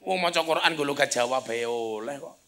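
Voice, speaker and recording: A man's voice: mid-range voice, fairly quick, a bit bright. A man preaching a humorous sermon, telling stories and breaking into chanted Arabic recitation.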